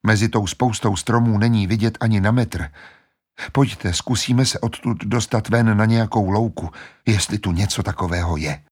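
A man's voice: on the low side, a little mellow, breathy edge. A man voicing a sensible, somewhat bossy eldest boy who exclaims and gives directions. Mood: practical.

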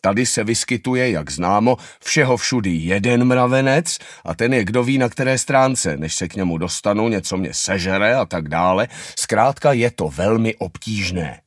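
A man's voice: lowish voice, animated, few pauses, no echo, studio quality. A man doing a blustering father anteater. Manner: lecturing, blustering. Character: stern self-important father anteater.

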